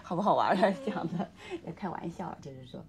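Piano plays in the background as a woman from China gives masterclass instruction to a student, explaining while she sings and hums the phrases. Her pitch is fairly low, her intonation lively, and her pace quick, amid background noise.

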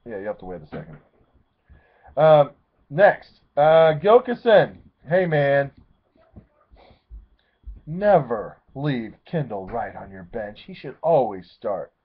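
A man in his thirties giving a casual, rambling recap of his fantasy football league from his home webcam, often correcting himself and getting excited. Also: medium pitch, takes it slowly, pauses often, breathy edge. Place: small room at home, seated in a leather chair. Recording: tinny, phone-like webcam audio.

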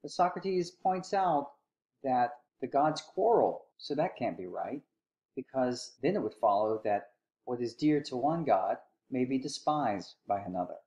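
A man delivers a recorded philosophy lecture at a middling pitch. He tells it as a lively story and acts out the quotes with a sarcastic edge. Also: measured pace, lo-fi sound.

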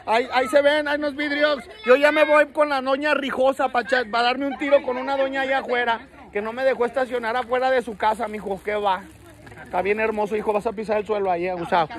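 A Mexican man hosting a street vlog, joking and teasing people and leading loud cheers outdoors. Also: extremely high pitch, flat delivery, fast, some chatter behind. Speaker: influencer host. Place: outdoors at a graduation in town.

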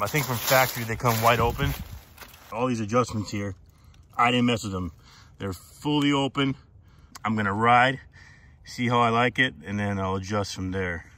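A man talks his way through a casual hands-on bike review outdoors in the woods, his voice in an even middle range. He rambles, stacks up fillers and restarts his sentences. The sound comes from a small action camera mounted nearby. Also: mid-range voice. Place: outdoors on a wooded trail.

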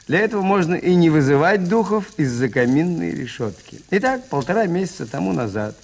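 High-voiced Father Brown, mild priest. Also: vocal fry, heavily acted. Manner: polite, understated. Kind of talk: early 1980s Soviet radio play acting.

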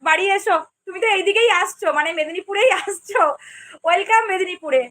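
Bright, very high-voiced chatty woman. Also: fast. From Medinipur, West Bengal, India. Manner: chatty and affectionate, reads out comments and answers viewers by name. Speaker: cooking channel host on a livestream. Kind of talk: casual live-stream chat reading viewer comments.

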